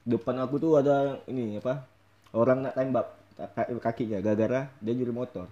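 A young man telling a story in casual chat, animated and laughing often as he acts out what people said. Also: medium pitch, fairly quick, lo-fi sound. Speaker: storyteller guest.

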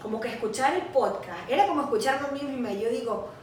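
Una mujer de unos veinte años con acento venezolano, copresentadora de un pódcast, que cuenta sus vivencias con franqueza y anima sus relatos imitando voces. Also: female voice, on the high side, quick pace, very echoey, recorded from a distance, slight background noise. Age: 20s. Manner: candid, animated storytelling with acted quotes. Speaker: podcast co-host. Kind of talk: casual chat.

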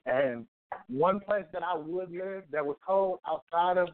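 A man's voice: high voice, measured pace. A man co-hosting a podcast who talks casually and rambles, restarting his sentences. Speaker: podcast co-host. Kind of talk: casual chat. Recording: tinny phone-like audio.

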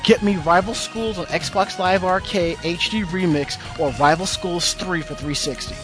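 A man's voice: high voice, normal speed, rough recording. A man hosting a podcast in casual banter, opinionated and given to emphatic repetition. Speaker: podcast host. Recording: music playing behind the voice.

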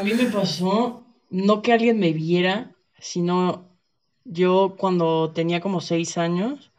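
A woman with a Mexican Spanish accent telling a childhood story in casual chat, candid and expressive. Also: on the low side, highs cut off.

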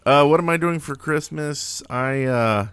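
A man's voice: fairly high pitch, unhurried, a bit bright, clean tone, dry recording. A man and father of young kids, co-hosting a casual podcast chat and telling rambling, joking stories. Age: adult father of young kids. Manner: jokey, rambling storyteller. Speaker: podcast co-host.

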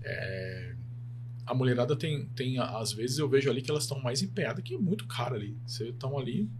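A man's voice: mid-range voice, lively intonation, brisk, background noise. A man, hosting casual podcast chat and agreeably repeating his guest's words back. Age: 40s.

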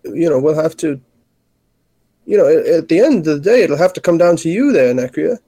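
A man at a tabletop role-playing session talks casually, rambling with fillers. His voice is fairly high yet mellow and soft. The recording is dry. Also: expressive, brisk, husky, no room sound. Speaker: tabletop game player. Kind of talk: casual in-character play.

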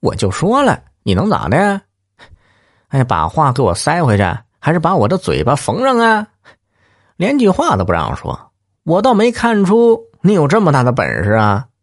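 A man's voice: extremely high pitch, moderate pace, creaky, bright, forceful tone, pitched above the performer's own voice, exaggerated voice. A man voicing a shameless village scoundrel with a wheedling, mocking, whiny way of talking.

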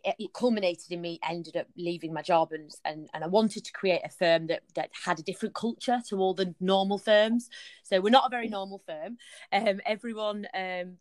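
A woman in her early thirties speaks with a Yorkshire accent in a slightly low voice. She is chatty and open, answering casually as a podcast guest, and the sound is dry with very little room in it. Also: dry recording. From northern England, raised partly in Germany and Cyprus on army bases. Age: early 30s. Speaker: podcast guest, solicitor and law firm founder. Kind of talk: casual conversational interview.

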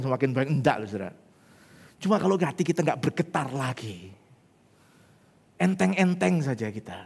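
A man's voice: medium pitch, slightly rough. Man preaching in a reverberant hall. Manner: dramatic swings from loud to whispered; acts out prayers and quoted voices. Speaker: pastor. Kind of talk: sermon.

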